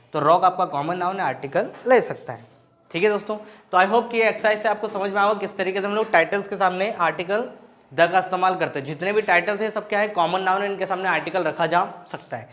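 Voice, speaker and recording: A man's voice: sits high, a bit bright. A man teaching grammar in Hindi, asking and answering his own questions and often checking in with "right?". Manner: explains in Hindi mixed with English terms, asks and answers his own questions. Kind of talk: classroom-style grammar lesson.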